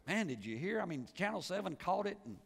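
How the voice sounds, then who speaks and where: A pastor preaching a sermon, swinging from loud rising calls to low, quiet endings. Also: male voice, very animated, quick pace, gravelly, breathy edge. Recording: church sermon with long reverb.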